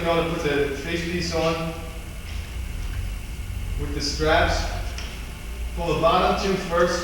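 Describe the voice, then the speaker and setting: In this spoken training demonstration, a male fire company instructor with a fairly high, slightly bright voice talks through each hands-on step plainly. The sound is distant, echoey and reverberant, with a noisy background.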